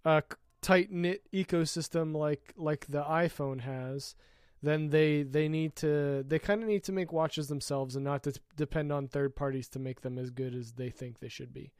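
A man co-hosting a casual tech podcast, opinionated, explaining at length and trailing off quietly at the ends of points. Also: on the high side, fairly even intonation, normal speed, clean tone, no room sound, clean studio sound. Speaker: podcast co-host.

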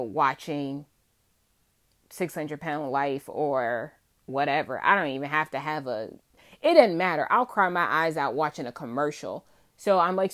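Female podcast host, thirties, lowish voice, chatty and emotional, filler-heavy storytelling. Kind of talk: casual personal storytelling.

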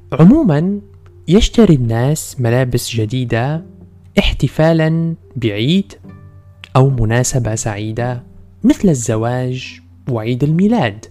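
A man's voice: medium pitch, expressive, a little slow, long pauses, dark tone, faint music behind. A man speaking careful, formal Standard Arabic, narrating a scripted language-lesson podcast as host and teacher.

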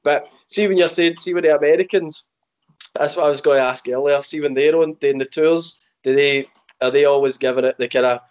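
A man's voice: fairly high pitch, fairly even intonation, brisk, a little mellow, clear, resonant tone, highs cut off. Man with a broad Glaswegian Scottish accent. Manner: colloquial, sweary, acts out imagined quotes. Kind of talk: casual chat.

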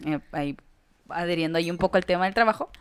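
A woman's voice: lowish voice, fast, clear, resonant tone. A woman with a Mexican accent telling anecdotes in a casual chat, laughing often and swearing freely.

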